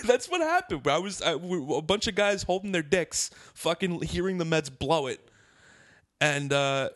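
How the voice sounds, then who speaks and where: A man on a casual podcast, telling a story with lots of profanity, restarts and fast asides. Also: mid-range voice, a bit bright, dry recording, clean studio sound. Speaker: podcast co-host. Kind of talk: casual chat.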